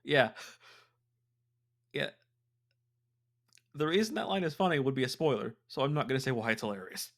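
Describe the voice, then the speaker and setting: A man's voice: medium pitch, animated, moderate pace, long pauses, a bit bright. A man hosting a let's play, reading visual novel text aloud and chatting about it between lines.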